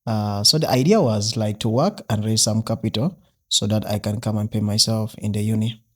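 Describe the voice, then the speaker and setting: A man's voice: lowish voice, a little fast. A young man from South Sudan, a podcast guest talking casually with many fillers and restarts. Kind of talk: casual interview.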